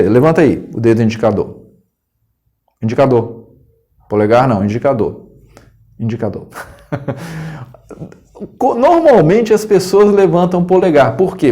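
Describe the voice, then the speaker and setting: Brazilian man coaching, chatty and expressive. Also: medium pitch. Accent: Brazilian Portuguese. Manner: conversational, tag questions, acts out tones of voice with laughs. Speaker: coach and educator. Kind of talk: casual video lesson to camera. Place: indoors, room with scouting decor corner.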